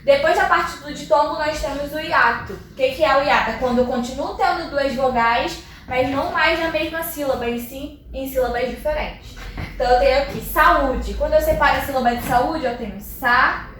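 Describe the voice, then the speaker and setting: A Brazilian woman teaching Portuguese speaks in a high, brisk, somewhat bright voice with a slight hiss or hum. She explains her classroom lesson patiently, one step at a time, checking in with tags like "tá?" and "ok?". The recording comes from a distant mic in a very echoey room, and her accent is Brazilian Portuguese.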